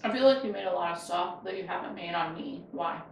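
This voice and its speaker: A woman's voice: lowish voice, a little fast, gravelly, distant mic, a little hiss or hum. A woman guest at a home kitchen table tosses off brief, teasing remarks as she tastes the dishes. Her voice carries across a very echoey room from well away from the mic. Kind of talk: casual chat.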